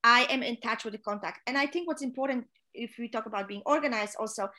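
In an interview, a Polish chief stewardess who speaks English as a second language offers candid, earnest career advice, with frequent fillers and a Polish accent. She is a quick talker whose fairly high voice sounds bright and forceful.

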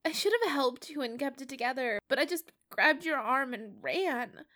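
A woman's voice: fairly high pitch, huge pitch swings, normal speed, voice pushed up. A woman voicing Spider-Man as a young man who speaks in a small, stammering, tearful voice while faking distress. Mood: frightened, tearful. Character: young man, meek and teary, secretly sly.

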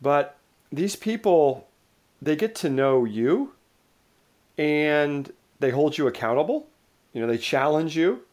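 A middle-aged man being interviewed who talks loosely, with frequent restarts and lively anecdotes. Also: on the high side, slow pace, long pauses. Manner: rambling, restarts often, lively storytelling. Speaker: interview guest. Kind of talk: casual conversational interview.

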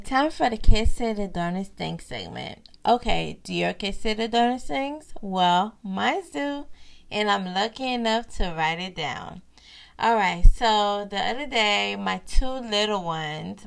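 A woman's voice: lowish voice, gravelly, a bit bright, smooth. A woman in her thirties, a mother hosting a parenting vlog, telling family stories to viewers in a casual way and repeating her phrases.

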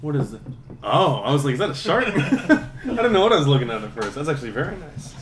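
A man's voice: on the high side, sing-song, a little hiss or hum. Teasing male podcast co-host. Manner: teasing, jokey, quick asides. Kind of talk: casual joking chat.

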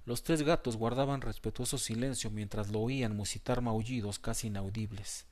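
A man narrating a children's story as an audiobook, in a measured, even storytelling voice. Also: lowish voice.

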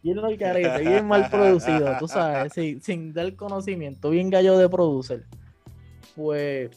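A man with a Puerto Rican accent talks through a casual interview. His voice sits a bit high but sounds mellow and dark. He slips English words into slangy speech, and faint music plays underneath. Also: measured pace. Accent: Puerto Rican Spanish. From Puerto Rico. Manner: slangy, mixes English words in, acts out quotes. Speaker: podcast guest, platform founder.

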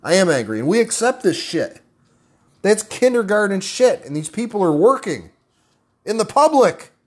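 A man's voice: sits high, big pitch swings, moderate pace, a little mellow, husky. Blunt, angry man ranting. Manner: blunt, profane, repeatedly addressing listeners as guys; angry, intense delivery. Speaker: motivational speaker. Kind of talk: motivational rant to camera.

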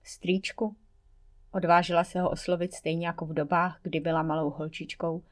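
A woman reading an audiobook aloud, a wry, expressive first-person narration as a male storyteller. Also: fairly low pitch. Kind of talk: scripted narration.

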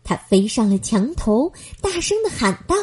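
A woman reading a children's bedtime story aloud in a gentle, expressive manner. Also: fairly high pitch, moderate pace, breathy edge.

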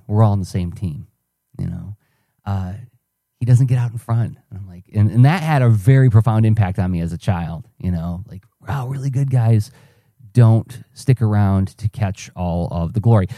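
Solo podcaster, male, deep mellow tone, searching and self-questioning, lots of ums and restarts, dry sound. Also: dry recording. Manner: musing, self-questioning, frequent fillers and restarts. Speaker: podcaster and cartoonist. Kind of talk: reflective solo journal podcast.

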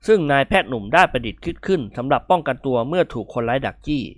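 A man narrating a comic story aloud in a lively, expressive reading. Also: mid-range voice, racing, dry recording, clean studio sound.

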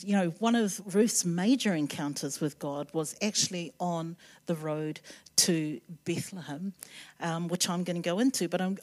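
A woman's voice: lowish voice, darkish tone. A woman with a Māori-influenced New Zealand accent giving an informal sermon, hesitant and conversational with self-deprecating asides. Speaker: guest preacher.

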